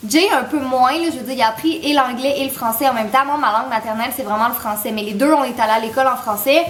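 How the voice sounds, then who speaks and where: Talking fast in a fairly high voice, a twenty-something vlogger from Quebec with a Québécois French accent giggles her way through casual chat and stories. There's slight background noise.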